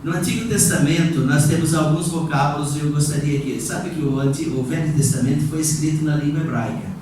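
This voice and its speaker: Male pastor, sermon teaching, halting explanations, higher voice, very echoey room, distant mic, faint background hiss. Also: a little mellow. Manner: explanatory, halting with many restarts and fillers. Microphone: room recording, setup just installed.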